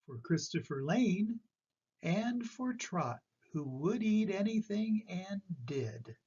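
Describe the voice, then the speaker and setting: An older man with a grandpa voice gives an expressive, animated read-aloud of a children's picture book on a slightly dull recording. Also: high voice, slow pace, breathy edge. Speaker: storyteller reading a picture book.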